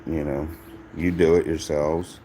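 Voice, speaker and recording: Low-voiced man with dry gameplay commentary. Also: unhurried, a little hiss or hum. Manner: dry, self-mocking, monotone. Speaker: gaming channel host.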